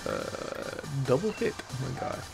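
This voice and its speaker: A young man playing a video game on camera, joking with his co-host in a deadpan, playfully indignant way. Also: a little slow. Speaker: let's play player. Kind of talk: casual gameplay commentary. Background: game music.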